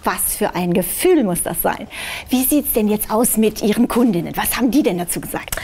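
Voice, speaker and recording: A woman's voice: medium pitch, animated, brisk, a little mellow, a little hiss or hum. A woman hosting an infomercial interview in a TV studio, putting questions to a guest.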